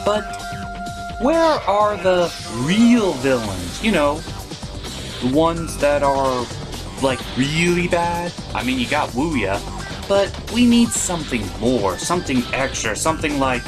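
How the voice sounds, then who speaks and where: A male show host reviews cartoons in a scripted, comedic, theatrical way, full of opinions and crude turns of phrase, over a music bed. His fairly high voice swings widely in pitch, and he takes his time.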